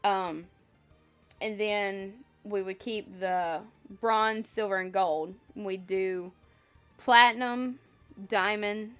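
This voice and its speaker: Her mid-range voice is clear and resonant, fairly even in intonation and slow in pace, as she hosts a casual livestream over music. She rambles and thinks aloud for viewers while sounding slightly congested, a cough lingering.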